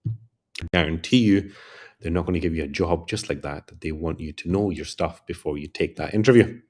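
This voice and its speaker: A man hosting a casual livestream as a career coach, tired and yawning, talking in a relaxed, rambling way and repeating requests to like and subscribe. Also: low-pitched, moderate pace.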